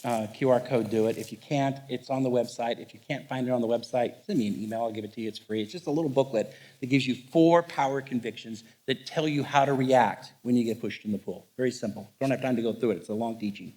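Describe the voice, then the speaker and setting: A middle-aged man speaks from a stage as a counselor leading a seminar. His voice sits at an ordinary middle pitch. His delivery is lively and wry, full of jokes and stories. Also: quick pace, few pauses. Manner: joking, animated storytelling. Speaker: marriage counselor. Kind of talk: live seminar talk. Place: on stage before a live audience.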